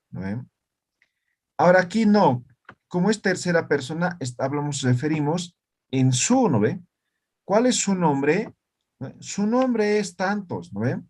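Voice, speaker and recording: Slow-talking man teaching. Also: on the high side, darkish tone. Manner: explains slowly, tagging lines with "¿no ve?" and "¿ya?". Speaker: language teacher. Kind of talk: online class lesson.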